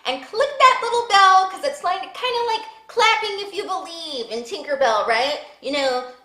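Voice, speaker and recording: A young woman reads a book excerpt aloud in an expressive, animated way. Her voice is high and bright. The room around her is echoey. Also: moderate pace. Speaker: book reader and video host.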